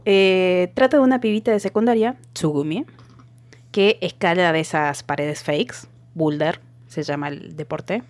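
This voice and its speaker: An Argentine woman co-hosting a podcast in casual chat, retelling things in a joking, animated way. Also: on the low side, measured pace, no room sound. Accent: Argentine Spanish. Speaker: podcast co-host.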